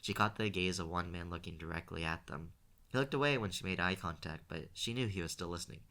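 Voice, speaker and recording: A man reading a novel aloud as an audiobook, in a low, bright voice. His pace is steady, with the odd restart when he stumbles over a word. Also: quick pace. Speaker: audiobook reader.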